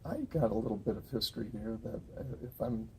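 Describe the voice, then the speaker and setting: A man hosts a casual interview with a mellow, dark voice. He rambles and restarts his sentences often. Faint outdoor noise runs behind him. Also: on the low side, animated, a little fast. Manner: rambling, many fillers and restarts. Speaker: interviewer and show host.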